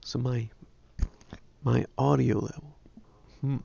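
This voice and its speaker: Nasal, gravelly-voiced man. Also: medium pitch, steady tone, slow pace, warm tone, muffled recording. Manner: rambling, self-deprecating. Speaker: ham radio livestream host. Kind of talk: casual chat.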